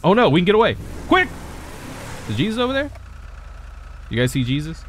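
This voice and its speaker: A man giving casual gameplay commentary as a streamer, with excitable, joking, swearing reactions. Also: high voice, fairly quick, slight background noise. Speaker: gaming streamer.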